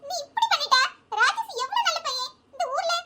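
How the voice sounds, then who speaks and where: A woman's voice: very high-pitched, expressive, a little fast. A woman voicing a scolding old village mother-in-law in a cartoon. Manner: sharp, scolding, then softening. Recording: loud background noise.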